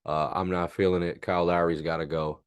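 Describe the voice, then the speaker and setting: A man's voice: deep voice, level tone, brisk, clean tone, no echo. A man co-hosting a podcast, ranting emphatically in casual chat. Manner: ranting, emphatic, repeats bro. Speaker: podcast co-host.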